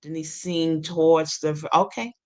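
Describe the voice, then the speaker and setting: A woman in her sixties, low-voiced and talking at normal speed, has a lateral lisp. She works as an occupational therapist and sings, and in a casual interview she spins stories with lots of ums, acting out what people said.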